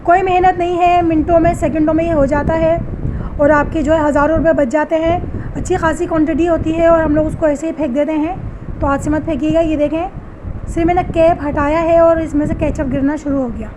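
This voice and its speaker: A woman's voice: sits high, steady tone, fairly quick, background noise. A woman giving step-by-step household tips at home. She speaks straight to her viewers, patiently repeating each step.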